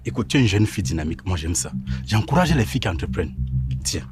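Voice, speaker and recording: A man's voice: deep voice, big pitch swings, quick pace, music in the background. An actor playing a man who keeps pressing money on a young seller and later begs for mercy. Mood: coaxing. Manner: insistent, then pleading. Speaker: customer.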